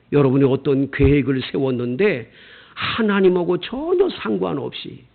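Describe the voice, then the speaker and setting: A middle-aged male pastor giving a folksy, animated sermon in a lively way, playfully imitating regional speech. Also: high voice, gravelly, narrow, tinny audio. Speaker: senior pastor.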